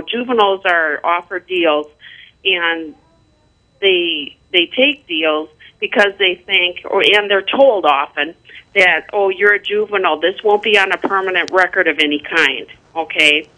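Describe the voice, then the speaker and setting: A caller on a clipped phone line, talking casually and hesitantly with many pauses and ums. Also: mid-range voice, bright, forceful tone. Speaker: call-in listener. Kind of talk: casual call-in comments.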